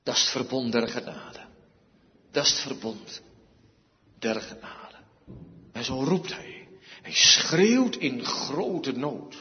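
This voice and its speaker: A male preacher giving an emphatic sermon, with dramatic pauses and repeated phrases. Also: medium pitch, big pitch swings. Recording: dull sound, echoey hall.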